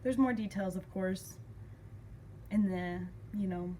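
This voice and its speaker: Speaking slowly in a warm, medium-pitched voice, a young adult woman relates a personal story with casual emotion, voicing the exchanges she recalls as she goes. Background noise is clearly audible.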